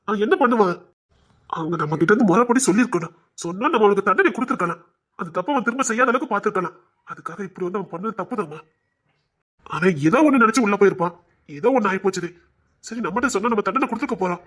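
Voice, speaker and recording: Tender elder brother, played by a man, Tirunelveli accent, higher-pitched, consoling delivery. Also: expressive, very fast, a bit bright. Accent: Tirunelveli Tamil. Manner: soothing, emotional, repeats endearments. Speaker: elder brother in a family drama. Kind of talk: web serial acting.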